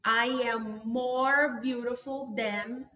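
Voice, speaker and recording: A Brazilian woman teaching an English grammar lesson, chatty and casual, often adding quick tag questions. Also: fairly high pitch, fairly even intonation, pushed and bright, roomy sound. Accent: Brazilian Portuguese. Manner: chatty, self-interrupting, frequent "né?" tags. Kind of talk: online language lesson.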